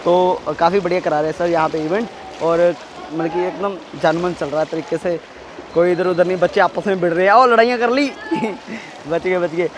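A man's voice: sits high, steady tone, normal speed, noisy background. A man vlogging a school swimming meet, chatting casually to his viewers and calling encouragement to the swimmers. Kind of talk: casual commentary to camera. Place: outdoor swimming pool at a school competition.

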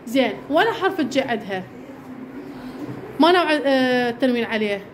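High, lively Iraqi woman teacher. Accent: Iraqi Arabic. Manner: brisk questioning, calls pupils by name. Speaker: primary school teacher. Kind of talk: classroom lesson, quizzing pupils. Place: classroom. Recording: echoey classroom with background noise.

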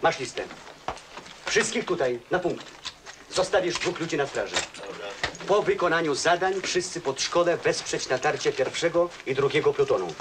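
An actor playing a curt insurgent commander. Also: male voice, a little high, animated, moderate pace, natural voice. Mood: commanding. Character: curt male insurgent commander giving orders. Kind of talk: 1960s film acting. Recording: noisy old film soundtrack.

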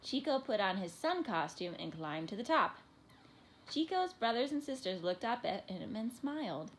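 A woman reading a children's picture book aloud in an expressive, animated way. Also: fairly high pitch, moderate pace, slight background noise. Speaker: storybook reader.

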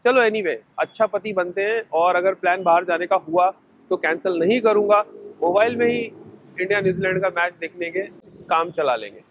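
A man in his thirties chatting excitedly in a casual vlog, filming himself outdoors with an action camera at arm's length. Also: high voice, normal speed, a little hiss or hum, low-quality recording. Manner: chatty, excitable cricket talk. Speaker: vlogger. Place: outdoors in a stadium stand and a street.

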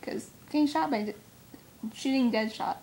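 A woman's voice: a little high, moderate pace, creaky, dark tone, a little hiss or hum. Giggly young woman chatting casually. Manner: rambling, giggly, speculative. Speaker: comic fan co-host. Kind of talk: casual chat.

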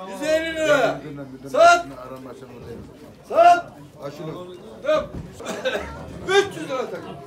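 A middle-aged man working as an auctioneer, calling and repeating prices loudly and emphatically. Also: very high voice. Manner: loud, emphatic shouted sale calls. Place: indoor poultry auction hall. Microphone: distant camera. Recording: echoey, far from mic, noisy birds and crowd.

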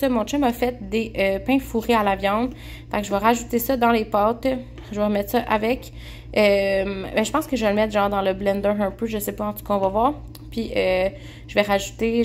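A woman's voice: mid-range voice, slight background noise. A young woman with a Québécois accent chatting casually to camera in her home kitchen, full of fillers and restarts. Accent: Québécois French. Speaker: vlogger. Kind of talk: casual meal-prep chat to camera.

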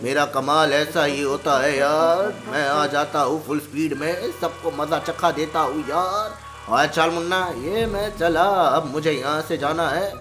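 A man doing excited gameplay commentary, switching between playful cartoon character voices. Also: fairly high pitch, measured pace, faint music behind. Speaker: gaming YouTuber.

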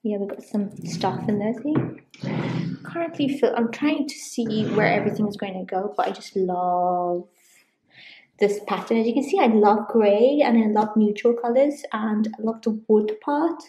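A woman's voice: medium pitch, moderate pace, dark tone. A woman, chatting casually in a rambling way with lots of ums while she shows a room in her home for a vlog. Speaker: vlogger. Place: small room in a home, indoors. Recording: echoey small room.

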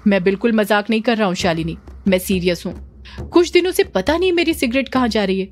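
A woman's voice: mid-range voice, animated, brisk, a little hiss or hum, close to an everyday voice. A woman doing Abhimanyu, a teasing young man. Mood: probing. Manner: teasing, probing questions.

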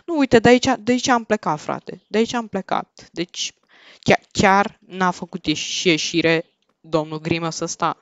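A young Romanian man giving excitable, slangy commentary while playing Minecraft, panicking and repeating no over and over. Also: on the high side, no room sound. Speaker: Minecraft gaming YouTuber. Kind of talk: casual gameplay commentary. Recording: dull lo-fi home mic.

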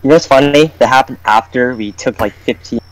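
A man's voice: medium pitch, brisk, crowd noise, poor audio. A man in casual gaming chat over a headset mic, joking around and slipping into a put-on broken-English bit. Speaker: gamer.

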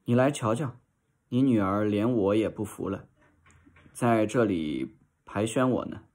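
A man's voice: lowish voice, a little slow, darkish tone. A man voicing a greedy, muddled old female servant in a storybook reading, speaking in a stubborn, scolding way.

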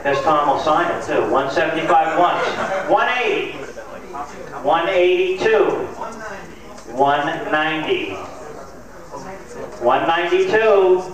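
Slow auctioneer man in an echoey hall. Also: fairly high pitch. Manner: slow steady bid calling with light asides. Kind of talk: live auction calling. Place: large hotel function room with seated crowd. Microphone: handheld mic, heard from far back in the room. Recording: echoey hall, distant camcorder mic, crowd murmur.

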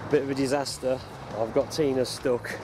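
A middle-aged man vlogging on a canal towpath while magnet fishing, chatting casually, laughing often and bursting into excitement, recorded on a camera set on the ground or held at arm's length. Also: medium pitch, normal speed, music in the background. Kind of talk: casual outdoor commentary. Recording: noisy outdoor recording with traffic.

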